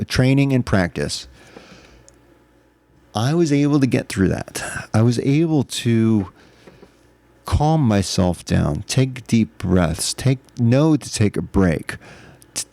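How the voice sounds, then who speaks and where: A man with a fairly low, mellow voice hosts his own podcast alone. He talks in a candid, earnest, self-reflective way, like casual storytelling. The sound is dry and close. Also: no room sound. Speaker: podcast host. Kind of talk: casual solo podcast monologue.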